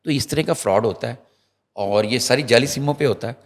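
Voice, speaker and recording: A man at an ordinary pitch talks as a guest journalist on a talk show. He tells his story in a lively, rambling way, full of restarts and asides to the viewers. He often slips into the voices of the people he is quoting. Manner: animated storyteller, acts out quotes; restarts and fillers, addresses viewers directly. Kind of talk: conversational talk show commentary.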